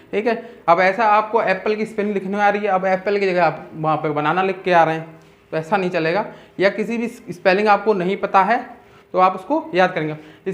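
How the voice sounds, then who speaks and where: Hindi-speaking male grammar teacher. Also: sits high. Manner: explains step by step, often checks with "ठीक है". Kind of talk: casual grammar lesson.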